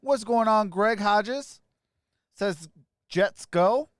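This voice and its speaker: A man hosting a sports live stream, casually greeting viewers by name and giving shout-outs as he reads their comments. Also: sits high, drawn-out words, no echo, clean studio sound.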